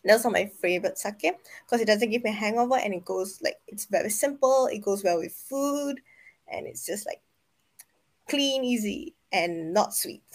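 A woman co-hosting a casual podcast who rambles, halts and corrects herself as she talks. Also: medium pitch. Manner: rambling, halting, self-correcting. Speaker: podcast co-host.

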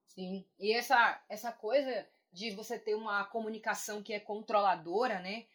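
A woman in her thirties, talking in a gentle, reflective way as a podcast co-host, often asking "né?". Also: medium pitch, fairly even intonation, moderate pace. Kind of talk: reflective conversation on self-acceptance.

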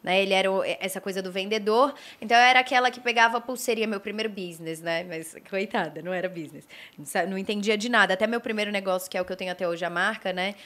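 Speaking rapid-fire in a medium-pitched, slightly bright voice, a young Brazilian woman tells casual stories as an interview guest. She founded a fashion brand, and her accent carries a strong, pulled Brasília r.

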